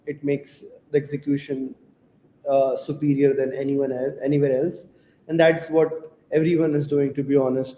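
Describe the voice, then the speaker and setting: A man co-hosting a casual crypto show, explaining things in a measured way. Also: medium pitch, warm tone. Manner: measured, explanatory, frequent "to be honest". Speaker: co-host. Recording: echoey room with faint hiss.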